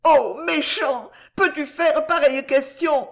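A woman's voice: slow pace, creaky, heavily acted. A reader voicing a heartbroken young woman in a storybook who sobs, pleads and cries out. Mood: emotional. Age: young adult. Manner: high-pitched, tearful, crying out. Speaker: storybook heroine. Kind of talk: dramatic audiobook reading.

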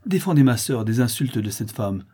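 A man voicing a gentle young girl who pleads and implores, for a storybook reading. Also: medium pitch, moderate pace, husky, voice pushed up, natural voice. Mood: pleading.

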